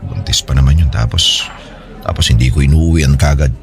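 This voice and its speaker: A bass-voiced actor with a Filipino accent speaks at a moderate pace while some chatter goes on behind him. In a conversational radio drama style, he portrays a hesitant married man who sounds troubled and confiding.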